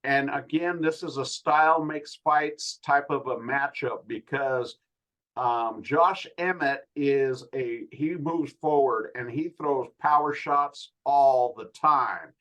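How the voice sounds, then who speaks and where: A man hosting a casual fight podcast, talking through the matchup in a measured, laid-back way with many pauses. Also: mid-range voice, fairly bright tone, low-quality recording. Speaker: podcast host. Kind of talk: casual MMA podcast analysis.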